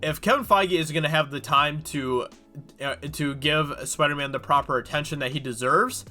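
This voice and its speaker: Soft music plays behind this YouTube host, whose fairly high voice sounds pushed and bright yet congested from a cold. Moving at a moderate pace, he reads a news article and rambles casually about it with many fillers.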